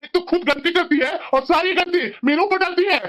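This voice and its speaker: A stern young husband in a cartoon who keeps lecturing his wife about family duty. The voice sits fairly high for the part, with a scolding, righteous tone. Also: fairly quick, a bit bright. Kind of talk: Hindi cartoon voice acting.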